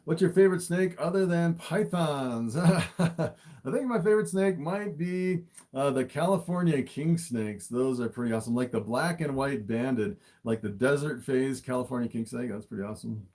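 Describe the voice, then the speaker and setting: Speaking at a normal pace, this man has a medium-pitched, slightly mellow voice. He hosts a casual livestream as an animal keeper, chatting to viewers while showing off his animals, easily amazed and often chuckling between remarks.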